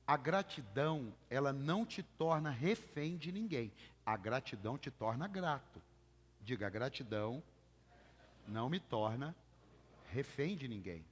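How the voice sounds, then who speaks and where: A man's voice: medium pitch, in a large hall. A man with a Brazilian accent preaching a sermon, emphatic, asking the congregation to repeat his phrases. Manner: emphatic, calls for congregation repetition. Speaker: pastor. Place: church.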